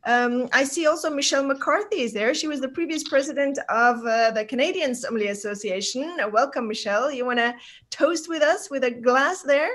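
High-voiced woman hosting a video call. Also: brisk. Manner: hesitant, warm welcoming with many fillers. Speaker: host.

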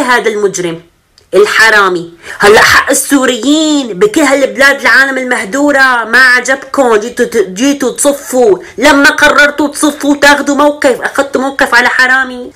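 A woman's voice: medium pitch, bright, forceful tone. A woman delivering a sarcastic, indignant opinion rant. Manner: sarcastic, indignant, rapid-fire. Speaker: social media commentator.

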